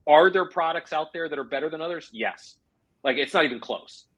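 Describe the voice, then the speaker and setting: A man's voice: fairly high pitch, fairly bright tone, highs cut off. A man co-hosting a casual golf podcast, enthusiastic about equipment and teasing his co-host. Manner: teasing, enthusiastic, quick to joke.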